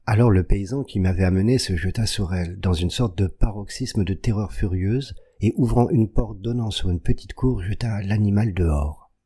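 A man narrates a classic story as an audiobook, reading in a measured and deliberate way. His voice is low and dark, with a husky, breathy edge. The delivery stays steady and unhurried. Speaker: audiobook reader.

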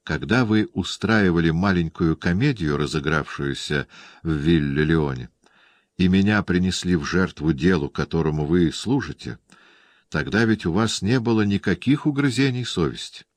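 A man reading the part of a calm, composed nobleman in an audiobook, speaking in a dry, even way. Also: low-pitched, normal speed, no echo.

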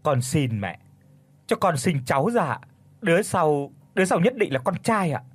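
A man's voice: fairly high pitch, sing-song, normal speed, breathy edge, no echo, voice pushed up. A man voicing a pleading young wife. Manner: trembling, pleading, tearful.

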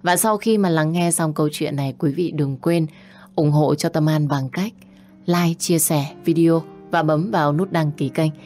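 A woman narrating an audio story in a formal, measured manner. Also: deep voice, a little mellow, soft background music.

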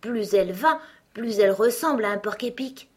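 A woman's voice: expressive, normal speed, a little mellow, slightly rough. A woman voicing a curious, polite little girl who speaks eagerly and in wonder. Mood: puzzled. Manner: eager, wondering, high-pitched.

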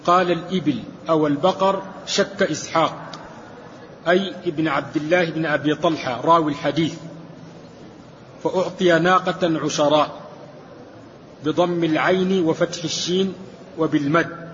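A man's voice: on the high side, slight background noise. Man reading a classical text aloud in a hall. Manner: steady measured recitation of the text. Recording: dull recording with long hall reverb.

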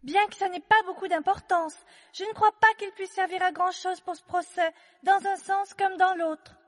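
A woman's voice: very high voice, fairly even intonation, normal speed, long reverb tail. A woman playing a polite, curious young girl, earnest and well-mannered, in a storybook audio drama.

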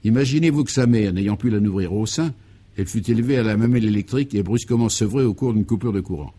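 A genial, chuckling colonial governor who patiently explains absurd things, as a man puts him on. He speaks a bit higher and fuller than a plain voice. It is comic radio serial acting. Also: quick pace, warm tone, husky.

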